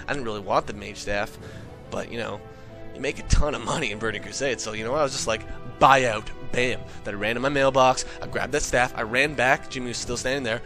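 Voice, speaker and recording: A man telling a comedic rant story, excitable, profane and boastful. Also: medium pitch, fast talker, soft background music.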